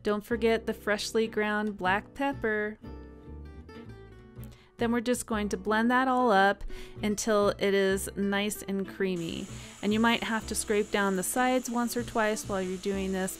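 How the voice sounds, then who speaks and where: A woman hosting a cooking channel, talking through each step in a relaxed, chatty voice-over with small laughs and fillers. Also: medium pitch, measured pace. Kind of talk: friendly voice-over cooking instructions. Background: soft guitar music.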